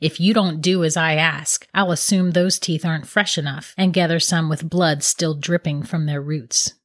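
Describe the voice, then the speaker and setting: A wicked dark witch gloats over her captive, her words slow and menacing. A woman reads her, her voice sitting low and dry, close to the mic with no room around it. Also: steady tone, dry recording. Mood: gloating. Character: wicked cackling female dark witch, cruel.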